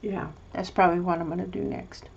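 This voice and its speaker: A woman chatting through a paper craft project, her voice gravelly and fairly flat, wandering from one thought to the next. The recording is a little dull, with a faint hiss underneath. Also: fairly low pitch, brisk. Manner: rambling, hesitant, chatty with many restarts. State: mouth full of candy. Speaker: crafting vlogger. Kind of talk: casual show-and-tell craft video.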